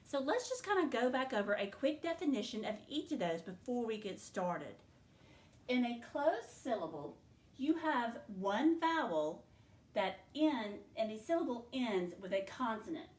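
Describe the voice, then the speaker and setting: A woman teacher leading a spelling lesson, slowly and clearly sounding out syllables and letters for her students. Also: fairly high pitch, very animated, a little mellow, echoey room. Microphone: in front of a whiteboard.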